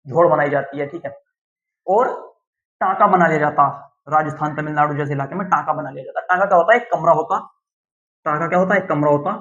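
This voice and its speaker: A man's voice: high-pitched, fairly bright tone. A male teacher from Uttar Pradesh, India, giving a classroom lecture, repeating key terms and asking and answering his own questions. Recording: dull lo-fi sound.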